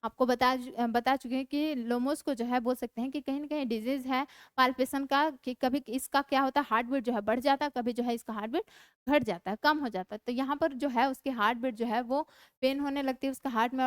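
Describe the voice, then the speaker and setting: A young Indian woman teaches an English lesson in a high, clear voice. She reads each line of a play slowly and loudly, then explains it plainly. The sound is dry and close to the mic. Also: steady tone, no room sound.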